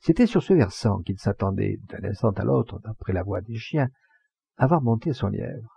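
A man reading a classic novel aloud as an audiobook narrator, in measured, steady storytelling. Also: on the low side, gravelly, slightly rough. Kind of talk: scripted literary narration.

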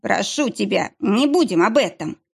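A woman voicing a whiny, pleading middle-aged ex-husband with a drawn-out, whining delivery. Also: mid-range voice, animated, vocal fry, slightly rough.

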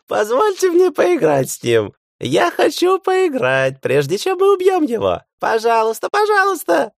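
A man voicing a squeaky, giggling male orc who is cruel and childish in an audiobook. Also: huge pitch swings, a little slow, creaky, no room sound, studio quality, heavily acted. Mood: gleeful. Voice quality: squeaky, shrill. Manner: giggling, gleeful, pleading. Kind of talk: audiobook character voice.

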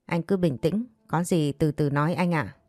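Scheming, smooth-talking woman, voiced by the narrator, low and dry. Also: moderate pace, a little mellow, no room sound, close to an everyday voice. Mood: coaxing. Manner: coaxing, persuasive.

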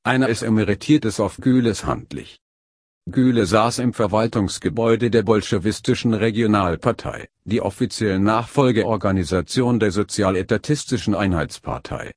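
Male narrator, scripted story reading, somewhat low voice, husky tone, steady delivery. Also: moderate pace, no echo, studio quality.

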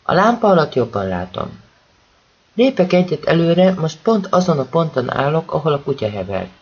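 Husky male audiobook narrator. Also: a little high, lo-fi sound. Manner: expressive first-person narration. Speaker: audiobook reader. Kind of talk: scripted narration of a novel.

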